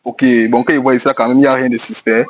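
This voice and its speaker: A man's voice: medium pitch, level tone, fast talker. A man with a Cameroonian French accent hosting a fidelity test, probing and teasing as he questions a woman about her phone contacts. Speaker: host of a fidelity-test show. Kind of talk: casual on-camera interrogation.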